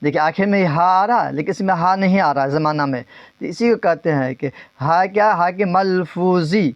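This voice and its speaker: A man's voice: high voice, dry recording, lo-fi sound. Man drilling a grammar lesson. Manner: drills terms, asks and repeats answers; stretches words slowly, then speeds up. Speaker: teacher.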